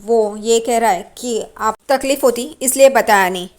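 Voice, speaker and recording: A woman doing a gentle patient young wife. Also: a little high, moderate pace, natural voice.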